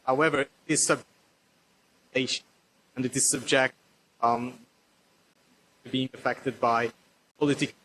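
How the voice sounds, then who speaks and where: A man's voice: mid-range voice, steady tone, unhurried, long pauses, fairly bright tone, poor audio. A male student explaining a point over a video call whose audio breaks up and drops out. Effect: choppy, cutting-out video call audio. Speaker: remote student. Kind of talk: answering a question in class.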